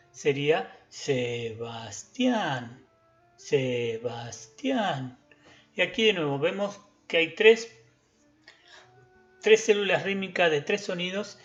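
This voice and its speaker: Slow, patient music teacher. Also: medium pitch, fairly bright tone, muffled recording. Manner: slow, patient, chants example words syllable by syllable. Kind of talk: recorded lesson.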